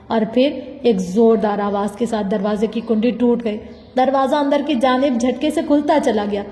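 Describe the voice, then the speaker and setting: A woman's voice: on the high side, steady tone, dark tone. A woman reading a novel aloud as a first-person narrator, intense and heartfelt, in an echoey room with a long reverb. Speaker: audiobook narrator.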